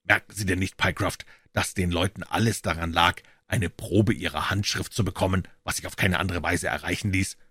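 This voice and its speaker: Brief: a man as a brisk, impatient detective explaining, very low and husky, dry close mic. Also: fairly even intonation, sharp tone, no echo. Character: brilliant male detective, impatient and confident.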